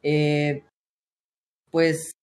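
A man's voice: on the high side, monotone, very slow, background noise. A young Mexican man, a streamer and voice coach, talking earnestly in a casual podcast chat with many restarts. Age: young adult. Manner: earnest, advice-giving, frequent "o sea" restarts.

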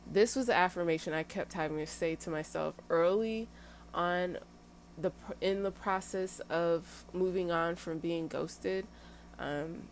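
A young adult woman with a lowish voice speaks unhurriedly and candidly to camera as a vlogger sharing dating lessons. She's chatty and emphatic, with laughing asides, and a little hiss or hum is audible.

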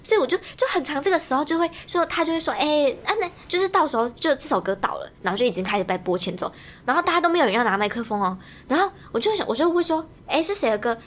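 A young woman, chatting on a podcast in an animated, ranting way and laughing often. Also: high voice, very fast. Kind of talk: casual chat.

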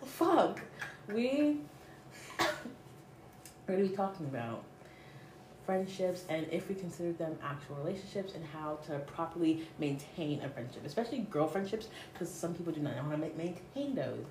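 A woman's voice: lowish voice, lively intonation, moderate pace, a little mellow. A young adult woman co-hosting a podcast, talking bluntly with a teasing edge and casual swearing. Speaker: podcast co-host. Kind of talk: casual chat. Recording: echoey room with faint noise.

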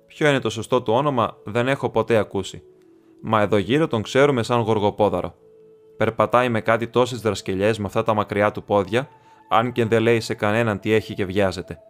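A man voicing a chatty, gossipy middle-aged innkeeper who talks slowly and rambles. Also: lowish voice, clear, resonant tone, close to an everyday voice.

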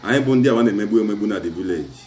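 A middle-aged Nigerian chief with an Asaba Igbo accent recounts a community dispute in an interview, moving between Igbo and English over long turns. His lowish voice is expressive, slightly mellow, and races along. The recording sounds roomy, with slight background noise.

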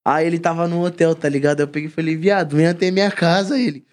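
A man's voice: on the high side, steady tone, fast. A young man with a São Paulo accent chatting casually in heavy street slang as an interview guest. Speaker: music artist, guest. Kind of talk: casual chat.

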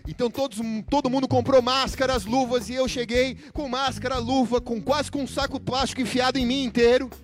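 A man's voice: extremely high pitch, steady tone, fairly quick, hardly any pauses. A man preaching as pastor in a church, telling a funny story and joking with his congregation in a livestreamed sermon. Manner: joking, chatty, asks the congregation questions. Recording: guitar music playing underneath. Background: guitar music.

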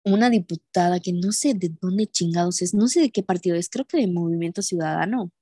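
A woman's voice: on the low side, fairly quick, warm tone, slightly rough, no echo, studio quality. A young woman in casual chat, indignant and swearing freely. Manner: indignant, swearing, retells others with quoted voices.

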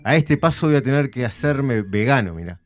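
Man as hungry complaining wolf, mid pitch, radio sketch. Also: lively intonation, fairly quick, faint music behind, close to an everyday voice. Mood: self-pitying. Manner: sighing, self-pitying complaint. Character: hungry grumbling male wolf. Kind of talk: radio drama reading.

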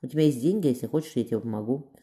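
A determined young woman who speaks firmly and plainly, as a male reader voices her. Her lines come quickly, in a dark, low voice. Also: lightly acted. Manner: firm, determined. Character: resolute young woman, strong-willed heroine.

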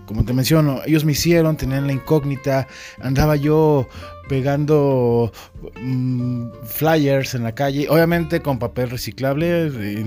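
A man's voice: medium pitch, darkish tone. A man hosting his own podcast in a casual, rambling way, often restarting his sentences. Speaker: podcast host.

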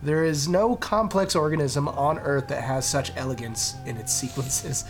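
A man's voice: fairly high pitch, wildly swooping pitch, normal speed, faint music behind. A man hosting a casual podcast, reading a post aloud with sarcastic asides and frequent laughter.

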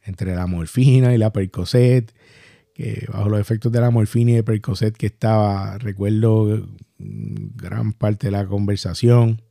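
A Puerto Rican man with a Puerto Rican Spanish accent, hosting a podcast and recounting a personal story in a halting, reflective way. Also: on the low side, fairly even intonation, creaky, warm tone, no room sound, clean studio sound. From Puerto Rico. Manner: halting, reflective, many restarts and fillers. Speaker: podcast host.

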